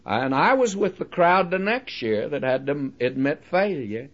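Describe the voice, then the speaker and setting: A man's voice: a little high, big pitch swings, a little slow. Preacher guy, folksy and earnest, voice jumps around a lot, kinda muffled old recording. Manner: earnest, pressing listeners with direct questions; homely illustrations, folksy delivery. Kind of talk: sermon. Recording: dull lo-fi recording.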